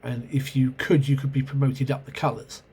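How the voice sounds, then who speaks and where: A channel host who reviews role-playing games talks through his memories of an old tabletop game in a casual video, sounding stuffy and sore-throated from a cold. He hesitates often, with lots of ums and self-corrections, speaking at a normal speed in a dark, level, mid-range male voice. A faint background hiss sits under the camera-mic recording.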